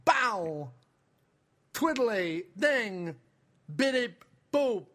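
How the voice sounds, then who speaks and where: A man's voice: high-pitched, very animated, drawn-out words, fairly bright tone, voice pushed up, exaggerated voice. A man putting on a robot voice, chirping beep-boop noises like a small movie droid and growling mock robot threats. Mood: chirpy. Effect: robot voice done by mouth, no filter.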